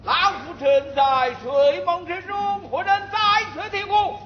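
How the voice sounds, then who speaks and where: Lady putting on a bossy old official guy, low and drawn out, slow commanding lines, dull echoey hall sound. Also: lively intonation, noisy background. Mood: stern. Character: pompous old male official, stern.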